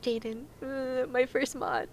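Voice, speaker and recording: A woman livestreaming a game chats casually over the gameplay, teasing playfully and exclaiming in wonder, with game music in the background. Her voice sits high, and her delivery is flat and slow-paced.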